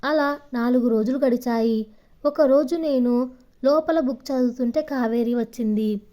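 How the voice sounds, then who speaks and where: A woman's voice: on the high side, measured pace, dark tone. A woman reading a first-person story aloud as narration, giving the dialogue light voicing.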